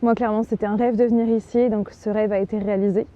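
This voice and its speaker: A woman's voice: medium pitch, little pitch movement, fast talker, mellow, highs cut off. A woman narrating a casual travel vlog in a chatty, enthusiastic way, with many fillers. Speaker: travel vlogger.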